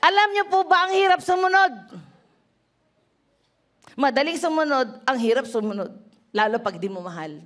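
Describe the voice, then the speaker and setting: At a normal speed broken by long pauses, a middle-aged pastor, a woman, shares an animated testimony sermon. She goes from laughter and shouting to soft, subdued tones.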